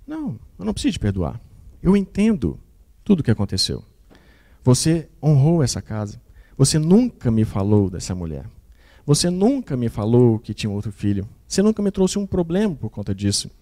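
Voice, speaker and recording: A man voicing an older wife who speaks softly and forgivingly, in a mellow tone. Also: medium pitch, huge pitch swings, fairly quick. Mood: gentle forgiving.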